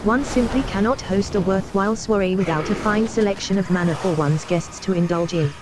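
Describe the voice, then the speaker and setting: An actress playing a haughty, breezy high-society elf hostess in a video game, with an affected posh, refined drawl. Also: female voice, a little fast, background noise, natural voice. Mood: airy, indulgent. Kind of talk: video game quest dialogue.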